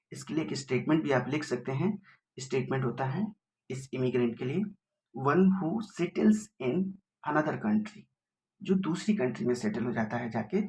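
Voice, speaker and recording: A man's voice: medium pitch, dark tone, a little hiss or hum. A man with an Indian accent teaching an exam-prep vocabulary lesson, explaining patiently, asking rhetorical questions and spelling words out letter by letter.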